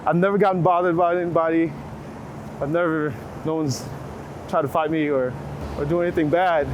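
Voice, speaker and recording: Somewhat high-voiced, an American man from Waco, Texas, speaks casually and reflectively as a photographer in an interview, searching informally for his words and using "like" frequently. He's outside on a city street, with street and traffic noise clearly audible, including passing vehicles and urban ambience.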